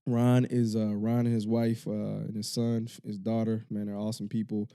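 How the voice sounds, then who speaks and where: A man co-hosting a casual podcast, talking earnestly and haltingly, with lots of fillers and restarts. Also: lowish voice, flat delivery, warm tone, clean tone. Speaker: podcast co-host.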